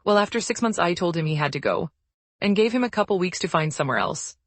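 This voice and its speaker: Fast-reading woman narrator. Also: fairly low pitch, expressive, no echo. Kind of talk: reading online forum posts aloud.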